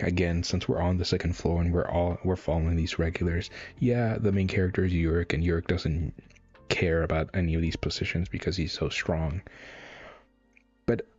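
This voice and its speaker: Low husky man on a live stream. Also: darkish tone, dull audio. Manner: rambling, many fillers and restarts. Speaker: webcomic reaction streamer. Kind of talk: casual live reaction, reading panels aloud.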